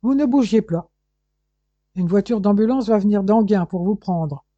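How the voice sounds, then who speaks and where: A man reading a kindly station master who talks loudly and fusses in a storybook reading. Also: high-pitched, moderate pace, dry recording, voice pushed up. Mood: fussing. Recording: dull lo-fi recording.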